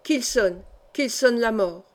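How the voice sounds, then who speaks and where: A woman's voice: a little high, expressive, slow pace. A woman reading the part of an old, feverishly exalted count in an audiobook, with an emphatic, proud delivery. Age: older.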